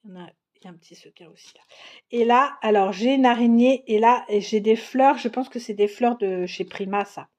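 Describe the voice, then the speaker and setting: Woman, fairly high voice, chatty, enthusiastic, casual unboxing talk. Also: a little fast, a little mellow, highs cut off. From France. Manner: chatty, enthusiastic, exclaims and laughs often. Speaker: crafting vlogger.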